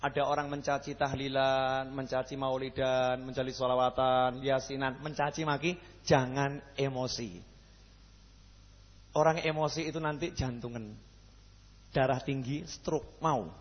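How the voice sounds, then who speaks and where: Javanese-accented male preacher, husky voice, lively and jokey, long hall echo, muffled lo-fi sound. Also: mid-range voice, measured pace. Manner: questions the crowd, jokey, lively. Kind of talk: sermon. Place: mosque hall.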